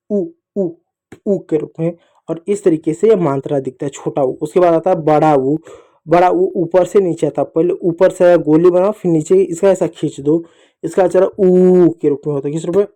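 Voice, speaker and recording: A man's voice: on the high side, mellow. A man teaching young children a lesson, patiently repeating each sound and asking and answering his own questions. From India.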